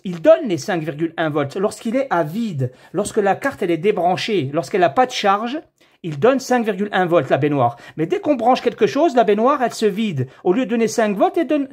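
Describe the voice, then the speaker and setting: Chatty husky man explaining a repair. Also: sits high, a little mellow. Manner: chatty, talks to viewers as friends, thinks aloud while measuring. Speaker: TV repair technician. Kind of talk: casual hands-on repair tutorial.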